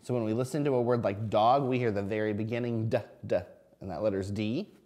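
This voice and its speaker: A man's voice: lowish voice, fairly even intonation, quick pace, darkish tone. A man teaching a reading lesson to young children, speaking to them directly with simple questions and sounding out words. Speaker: kindergarten teacher.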